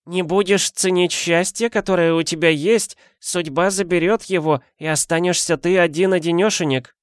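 Man doing a high old woman's voice, stern, scolding, sharp-tongued, dry. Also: fairly even intonation, moderate pace, clean tone, no room sound, lightly acted. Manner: scolding, warning.

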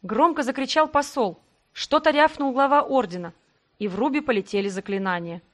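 A woman reading a first-person fantasy audiobook in a dramatic, expressive way. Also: sits high, fairly quick. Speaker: audiobook narrator.

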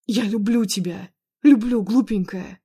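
A woman's voice: medium pitch, measured pace, slightly rough. Woman voicing a possessive, hot-tempered young man. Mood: tender. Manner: loud, insistent, emotional. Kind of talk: audiobook dialogue reading.

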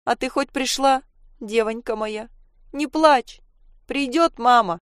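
A woman voicing a frail, deaf old grandmother who soothes a child in a slow, pleading way. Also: on the high side, clear, resonant tone, no room sound, studio quality, voice pushed up. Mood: consoling. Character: frail, bald, deaf old woman, tender but fierce.

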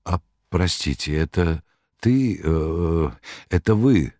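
A man voicing a tired, gentle male writer in an audiobook. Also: low-pitched, lively intonation, slow, no echo, studio quality. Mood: hesitant. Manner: quiet and tired. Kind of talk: audiobook reading.

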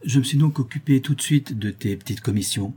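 A man's voice: a little fast, dark tone, breathy edge. A man reading an audiobook and voicing a fretful older male fence who grumbles and gives in. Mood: grudging. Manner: subdued, grudging and low. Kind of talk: audiobook character voice.

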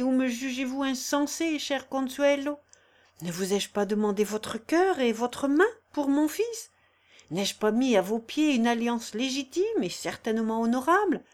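A woman's voice: fairly high pitch, a little mellow. A woman reading the part of an aging nobleman who speaks earnestly and imploringly in a storybook. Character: aging noble count, grave and pleading.

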